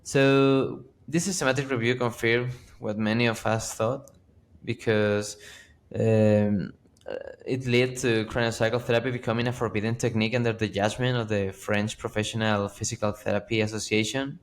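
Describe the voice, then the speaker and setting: A man's voice: fairly low pitch, fairly even intonation, moderate pace. A man co-hosting a podcast as a physiotherapist, earnestly walking through sources with frequent restarts. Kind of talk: conversational podcast discussion.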